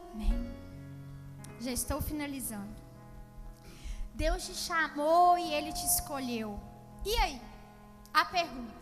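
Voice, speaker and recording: A woman preaching a sermon, impassioned and building to loud proclamation, in a reverberant church hall with faint music. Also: sits high. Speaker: guest preacher.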